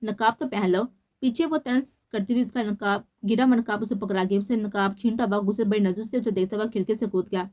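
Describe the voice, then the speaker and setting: A woman narrating a romance novel in a steady storytelling manner. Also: mid-range voice, fast talker, hardly any pauses. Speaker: novel reader.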